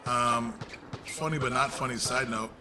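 A man co-hosting a gaming video, chatting casually and yelling and swearing at the game. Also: medium pitch, unhurried, noisy background. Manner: excitable, swears and yells at the game. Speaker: co-host of a gaming channel. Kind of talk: casual gameplay chat.

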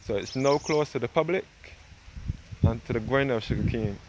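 A man's voice: medium pitch, normal speed. A man from Barbados giving a loose, conversational walking-tour narration outdoors as a travel vlogger, talking to his viewers as guys. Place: outdoors on a rural roadside. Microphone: handheld camera mic, speaker off screen. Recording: loud outdoor noise and passing traffic. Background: passing cars and outdoor ambience.

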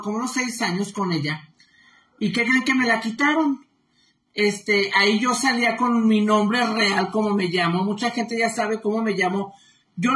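A woman's voice: on the high side, a bit bright. A woman hosting a live stream in a casual, affectionate, chatty way, reading out viewer comments with lots of fillers. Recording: roomy echo.

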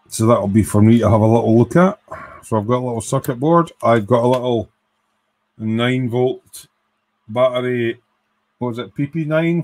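Here a man's medium-pitched, somewhat mellow voice is heard. At a workbench in his home workshop, he works through an electronics kit on a casual live build, musing aloud and tallying components.

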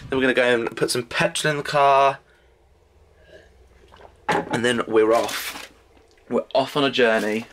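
A young British man vlogging casually to a handheld camera and chatting with companions, excitable and given to exclaiming. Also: mid-range voice, measured pace, pauses often. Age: young adult. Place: on the move, mostly outdoors at a zoo. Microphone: handheld camera at arm's length. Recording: handheld camera vlog with clear background noise.

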